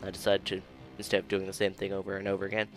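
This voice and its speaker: A man's voice: sits low, completely flat delivery, very fast, faint music behind. A young man casually narrating his own 3D modeling build, laid-back and self-deprecating, chuckling now and then and sounding tired of rerecording. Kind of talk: casual screen-recorded commentary.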